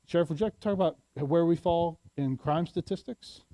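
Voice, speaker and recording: A man gives a community talk in a lively, chatty way, checking in with the audience as he goes. His voice sits on the higher side and sounds dark and mellow. The sound is dry and close. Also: brisk, no echo. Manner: conversational, asks the audience "right?". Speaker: sheriff's office speaker. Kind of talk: community presentation.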